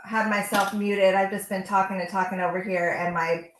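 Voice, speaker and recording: A woman's voice: medium pitch, normal speed, a little hiss or hum. A woman, chatting casually while she demonstrates painting live, with lots of fillers. She speaks from an indoor studio, facing away from the camera mic behind her. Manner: chatty, relaxed, many fillers. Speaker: painting instructor.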